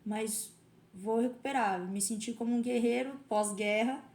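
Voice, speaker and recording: As a podcast guest in a casual interview, a karate teacher with a fairly high, darkish voice tells her story at a moderate pace. She sounds reflective and conversational, quoting what she told herself, in a roomy, echoing space.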